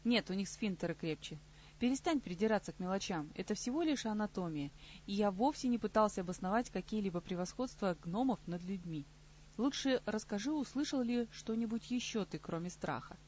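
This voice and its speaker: A woman voicing a sardonic middle-aged king in an audiobook, dry and unhurried, on slightly muffled audio. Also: mid-range voice, lively intonation, a little mellow, a little hiss or hum, lightly acted. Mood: dry mocking. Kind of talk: audiobook character reading.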